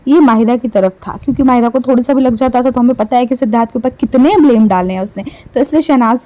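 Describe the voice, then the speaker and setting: A woman's voice: on the high side, quick pace, dark tone, rough recording. A woman giving casual, sarcastic gossip commentary on reality show clips, taunting the people she talks about.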